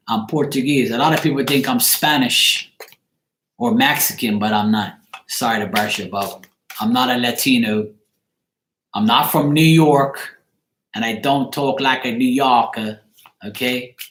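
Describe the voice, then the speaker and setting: A livestream tarot reader from Bermuda chats casually with viewers from his living room, blunt, joking, and informal. His voice is mid-range, fairly bright, and a little slow, recorded in an echoey room with faint noise and clicks.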